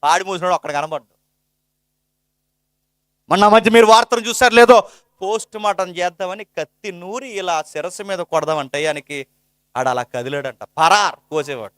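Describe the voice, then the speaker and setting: A male preacher delivering a sermon with passion, firing rhetorical questions and swinging between hushed, low lines and loud, soaring ones. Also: moderate pace, long pauses, smooth, dry recording, studio quality.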